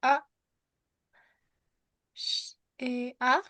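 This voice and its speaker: A woman's voice: sits high, little pitch movement, drawn-out words, pushed and bright, no echo. A woman student carefully repeating single syllables one by one for a pronunciation drill.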